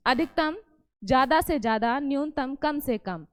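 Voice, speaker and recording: A woman teacher walks her class through the rules of verse meter, stating each point and then quizzing the students on it. Her voice sits high. The recording is dry and close, with no room sound. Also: animated, normal speed, dry recording. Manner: repeats each point and asks the class questions back; self-correcting, explains patiently. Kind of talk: classroom lesson on Hindi poetry meter.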